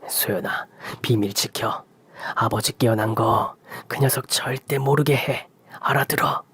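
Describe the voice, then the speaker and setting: A narrator voicing an older father who is recovering from injury and speaks in low, secretive commands. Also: fairly even intonation, unhurried, lightly acted. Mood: hushed, stern.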